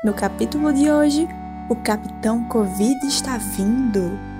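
A woman announces a radio drama from a script. Her voice is high, set over prominent music. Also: a little slow.

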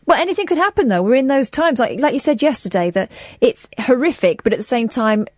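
Brisk teasing woman hosting radio. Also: sits high, lively intonation, no room sound, studio quality. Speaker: radio host. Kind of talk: casual radio chat.

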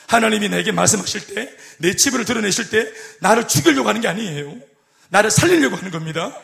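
Fast, animated Korean male pastor. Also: sits high, vocal fry. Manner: animated, acts out quoted voices and jokes with the congregation. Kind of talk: sermon.

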